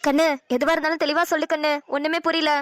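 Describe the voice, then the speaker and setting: A woman's voice: high-pitched, level tone, fast talker, fairly bright tone, no echo, studio quality, voice pushed down. A woman voicing a fretful, doting middle-aged mother in a cartoon, pleading and anxious. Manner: pleading, calls her daughter dear. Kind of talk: cartoon voice acting.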